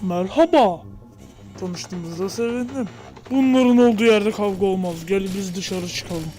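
A woman's voice: medium pitch, a little slow, lightly acted. A woman voicing a feisty, slangy fighter in a comedic Turkish cartoon fan dub. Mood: startled, bemused. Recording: loud music under the voice.

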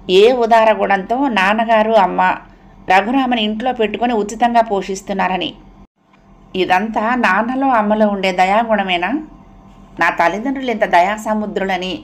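A woman narrating an audio novel, keeping a steady storytelling read and lifting her voice for quoted dialogue. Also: mid-range voice.

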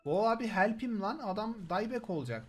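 A man's voice: high voice, expressive, fairly quick. A young man streams a team game and talks over it live. He keeps pleading with and scolding his teammates, his voice jumping up when he is upset. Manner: frustrated, shouting at teammates, swearing. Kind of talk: live gameplay commentary.

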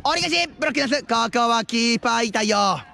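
A man giving live futsal commentary outdoors, with excited calls that rise into drawn-out goal shouts. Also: extremely high pitch, vocal fry. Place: outdoor floodlit futsal pitch at night. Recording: outdoor action camera with ambient noise.

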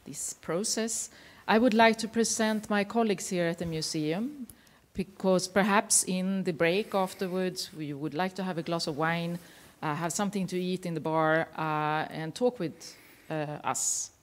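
A woman's voice: fairly low pitch, a little slow. A woman hosting a museum panel, introducing guests and colleagues with many hesitant fillers. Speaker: museum host.

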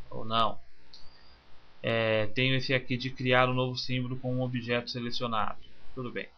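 A man, teaching software in a screencast and calmly walking through each click step by step. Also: medium pitch. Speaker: software instructor. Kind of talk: screencast tutorial. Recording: slightly muffled with faint hiss.

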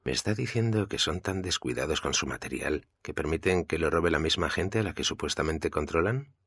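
Spanish guy voicing a pushy lady reporter grilling someone, very deep voice. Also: expressive, brisk, a bit bright, breathy edge, no room sound, studio quality, heavily acted. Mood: pressing. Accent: Spain. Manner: pressing, questioning.

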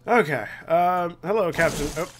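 A man's voice: a little high, normal speed, fairly bright tone, a little hiss or hum. A young man giving casual, sweary, joking commentary as he plays a game. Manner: sweary, joking, reacting aloud. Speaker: gamer commentating a playthrough. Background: game music.

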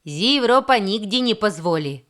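A woman's voice: medium pitch, animated, normal speed, a bit bright, voice pushed up, close to an everyday voice. A woman voicing a stiff, polite middle-aged male clerk with a Polish accent, formal and stilted.

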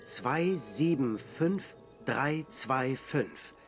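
An actor playing a frightened, guilt-ridden guard in a video game, anxious and earnest. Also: male voice, medium pitch, expressive, drawn-out words, soft background music. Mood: uneasy. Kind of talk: video game dramatic voice acting.

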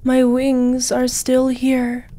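Voicing a tender, seductive dragon lady for fantasy ASMR, a woman speaks extremely slowly in a high, monotone half-whisper that's soft and breathy. The intimate tone carries a wounded, sorrowful mood.

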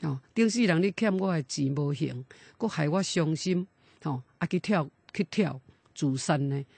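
A man voicing the ghost of a young son who has come back to collect an old debt, speaking calmly and solemnly. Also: on the high side, normal speed, gravelly, breathy edge, no room sound.

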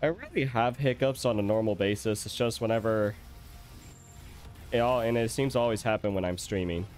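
A man's voice: fairly low pitch, fairly quick, darkish tone. A man streaming a game, chatting casually and reacting with little exclamations while he has the hiccups. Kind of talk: casual gameplay commentary. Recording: faint music behind.

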